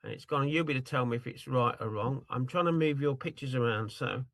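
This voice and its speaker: Over a video call, a man demos a tool by screen-sharing, rambling and apologizing as he hunts around his screen. His medium-pitched voice is creaky and fairly bright, a bit fast, with no room sound.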